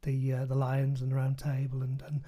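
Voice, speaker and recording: A man's voice: medium pitch, completely flat delivery, a little fast, dark tone. A man hosting a casual podcast chat, talking in a chatty way and often ending his points with tag questions. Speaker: podcast host.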